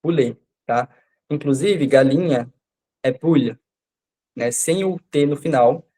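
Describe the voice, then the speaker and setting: A man teaching French in an online class. His first language is Portuguese. He explains patiently, repeats example sentences slowly and keeps asking "né?" and "tá?" to check that students follow. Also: on the high side, dark tone. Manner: explains patiently, often adds "né?" and "tá?".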